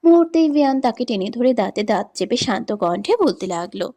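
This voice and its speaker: A woman reading a romance story in scripted narration, with steady, even storytelling. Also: on the high side, brisk.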